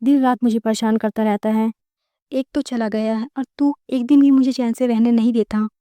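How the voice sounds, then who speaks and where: A woman's voice: on the high side, fairly even intonation, normal speed, mellow, no echo, close to an everyday voice. A woman voicing a weary, short-tempered single mother in a storybook reading, speaking curtly. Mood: angry. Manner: scolding, curt.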